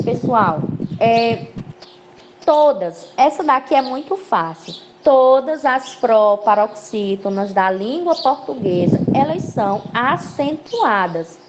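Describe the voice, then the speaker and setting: A woman teacher giving an online class, explaining step by step and checking in with frequent "ok?" as she goes. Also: a little high. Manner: lively, rising emphasis on key words. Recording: slightly dull lo-fi audio with faint noise.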